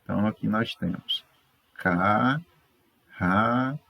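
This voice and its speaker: A Brazilian man teaching a third-grade class, correcting exercises patiently, sounding words out slowly and checking in with his pupils. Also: fairly low pitch, gravelly, breathy edge. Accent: Brazilian Portuguese. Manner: slow, stretches out words syllable by syllable.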